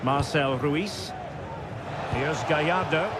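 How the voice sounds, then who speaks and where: Casting: excitable football game commentator, high voice that lifts into goal shouts, very noisy backdrop. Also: male voice, slow pace. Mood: measured, attentive. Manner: excited raised shouts on goals. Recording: loud noise behind the voice.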